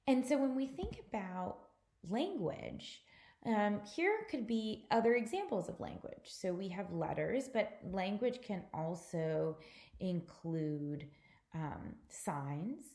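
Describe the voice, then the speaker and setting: A woman's voice: medium pitch, expressive, slow, mellow. Woman instructor giving a roomy recorded lecture. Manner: patient explanatory teaching, addressing students directly. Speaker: course instructor.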